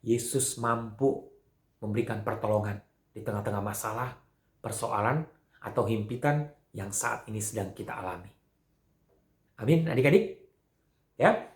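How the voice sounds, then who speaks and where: A man teaching Sunday school, telling a Bible story to children in an animated way, with frequent fillers, acting out the characters' lines. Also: on the low side, moderate pace, long pauses. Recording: echoey room.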